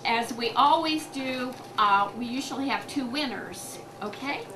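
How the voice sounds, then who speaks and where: An older woman acts as bingo caller for a group in a community room. Her voice is high and she takes her time, spelling numbers out digit by digit. The camera picks up clear room noise around her. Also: measured pace, a bit bright, roomy sound, recorded from a distance. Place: community room with tables of players. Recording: noisy room recording with ambient sound.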